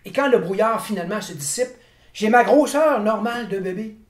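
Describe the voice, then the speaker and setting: A man in his sixties with a Quebec French accent, telling a tall tale in an animated, theatrical oral style. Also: high-pitched, brisk. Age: 60s. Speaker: storyteller. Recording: roomy, echoing room.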